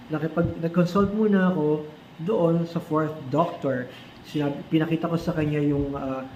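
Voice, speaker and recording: A man with a Filipino accent tells a personal story in a casual style, switching between Tagalog and English with frequent restarts. His voice is fairly high but mellow. It is recorded in an echoey room on slightly dull audio with faint noise behind it. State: forgetful since treatment. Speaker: vlogger recounting his cancer diagnosis.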